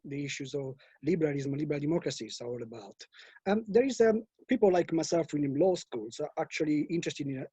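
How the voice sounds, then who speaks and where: An Italian man, a law academic, asking a halting question over a glitchy video call that buffers, stutters and drops out. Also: fairly high pitch, dark tone, breathy edge, dry recording. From Italy. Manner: halting, filler-heavy, uneven pace. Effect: glitchy buffering video-call audio that stutters and drops out. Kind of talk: question in an online seminar. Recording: dull, dry lo-fi video call.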